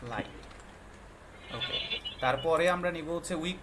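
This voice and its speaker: A man's voice: a little high, slow pace, noisy background. Patient man teaching young children. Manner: patient, quizzing with frequent questions; mixes English words into explanations. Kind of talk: classroom explanation for young children.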